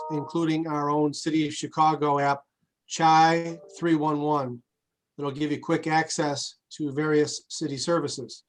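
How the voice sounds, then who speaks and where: Friendly guy opening an online class on a video call, slightly higher voice. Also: poor audio. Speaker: local official hosting a class. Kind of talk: casual chat then prepared welcome.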